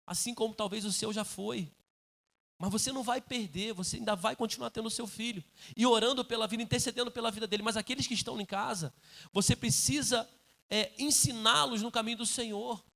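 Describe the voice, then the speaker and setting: Middle-aged man, church pastor, high voice, preaching with earnest force. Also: steady tone, fairly quick, creaky, pushed and bright. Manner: calls listeners "querido". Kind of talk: sermon. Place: church sanctuary.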